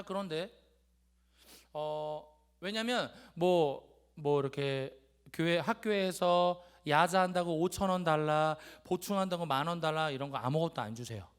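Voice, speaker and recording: A young man giving a church testimony, telling his story in a lively way and acting out his father's gruff lines. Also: fairly high pitch. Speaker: youth speaker giving a testimony. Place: church sanctuary.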